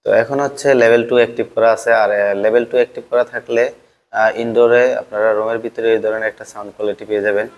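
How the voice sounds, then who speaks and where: A man's voice: fairly low pitch, very fast, muffled recording. Man on clip mic with noise-reduction artifacts. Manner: steady explaining tone with many fillers. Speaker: gadget reviewer. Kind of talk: casual product review vlog. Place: parked car on a busy street, window open. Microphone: clip-on wireless lavalier. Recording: street traffic noise behind.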